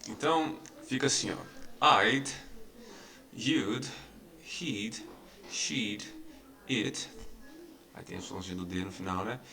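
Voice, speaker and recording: A teacher walks his students through English grammar, his low, gravelly voice carrying a bright, forceful edge. He repeats each example slowly and keeps checking that everyone follows. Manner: explains patiently, repeating examples with many "tá?" and "né?" checks. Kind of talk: recorded online lesson.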